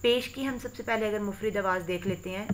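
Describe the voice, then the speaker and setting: A woman teacher with a Pakistani Urdu accent, slowly spelling out letters and vowel sounds for her students in a recorded online lesson. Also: mid-range voice, a little hiss or hum. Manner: addresses students directly, patient explanatory tone. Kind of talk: recorded online lesson explaining Arabic reading.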